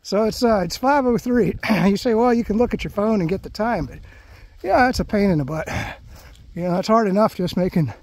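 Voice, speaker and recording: A hiking vlogger narrates his walk along a grassy trail through palm scrub, rambling casually and thinking aloud with plenty of "you know." His voice is high, a little fast, and slightly mellow, with no echo.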